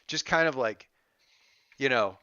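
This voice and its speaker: A man with a bright, clean voice improvises as a tabletop game master. He talks casually and haltingly, working things out aloud, on a dry but slightly dull recording. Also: mid-range voice, animated, clean tone, no room sound.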